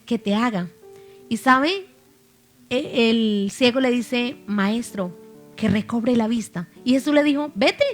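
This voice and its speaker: Woman preaching a sermon over faint music. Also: a little high. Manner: reads scripture aloud, then asks the listeners questions.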